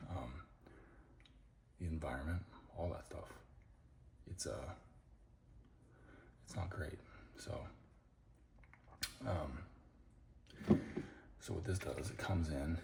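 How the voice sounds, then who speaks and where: A man's voice: extremely low pitch, creaky, echoey room, slight background noise. A man talking casually in a home fitness vlog, rambling with fillers. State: out of breath after sprints. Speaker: fitness vlogger. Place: at home, kids asleep nearby.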